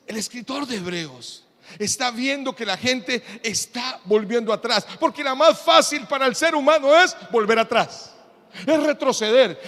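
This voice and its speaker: A high-voiced male pastor delivering a lively sermon full of funny anecdotes. His voice rings out in a church hall with a long reverb. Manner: animated, telling humorous anecdotes. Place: church in Panama.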